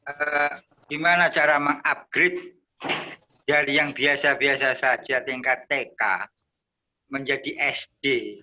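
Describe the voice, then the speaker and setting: A man's voice: medium pitch, flat delivery, slow, pauses often, pushed and bright, dull audio, slight background noise. An Indonesian man asking questions in a religious talk, hesitant and searching for words. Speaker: interviewer.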